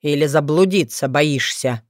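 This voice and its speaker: Grumbling young man voiced by a woman reader, lowish voice, slow tired mutter, storybook reading. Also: dry recording, studio quality. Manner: grumbling and resigned.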